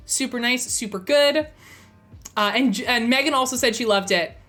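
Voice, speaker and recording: A streamer and host chats on a casual live stream with a slightly high, fairly bright voice at normal speed, faint music playing behind her. She's enthusiastic and thinks aloud with fillers, though her voice is a little strained as she loses it.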